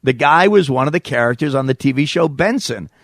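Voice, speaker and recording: A middle-aged podcast host with a mid-range voice talks a little fast as he chats casually, bringing his stories to life by acting out what people said. It's a dry recording of studio quality.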